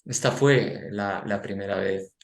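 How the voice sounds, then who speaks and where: Guest, man in his forties, low pitch, storytelling, echoey room. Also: a little slow, gravelly. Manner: recounts dialogue, frequent tag questions. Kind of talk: storytelling anecdote.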